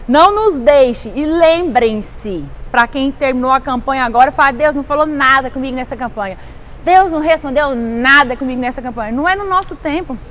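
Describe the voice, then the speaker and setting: A woman's voice: sits high, slight background noise. A middle-aged woman pastor with a Brazilian Portuguese accent, preaching casually and emphatically, asking the listener question after question. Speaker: volunteer pastor.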